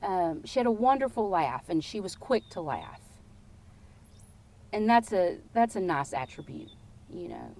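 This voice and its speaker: A woman from Texas, a podcast guest telling casual, playful stories in a lively way. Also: fairly low pitch, a little slow, pauses often. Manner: lively, playful and warm-humored. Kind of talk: casual storytelling.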